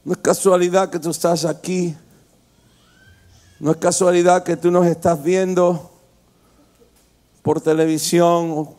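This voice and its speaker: High-voiced impassioned male pastor. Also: flat delivery, unhurried, pauses often. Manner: impassioned preaching, swings from hushed to shouting. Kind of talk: sermon.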